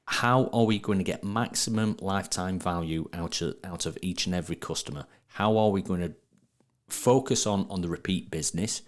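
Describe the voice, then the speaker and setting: A man's voice: low voice, normal speed. A man with a Sheffield accent talking casually in an interview, informal and emphatic, with northern English phrasing. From Sheffield, England. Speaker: podcast guest, trade business marketing speaker.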